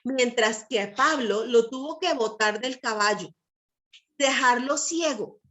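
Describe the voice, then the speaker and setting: A middle-aged woman giving a Bible teaching talk, emphatic and lively, constantly checking in with listeners through tag questions. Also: a little high, measured pace.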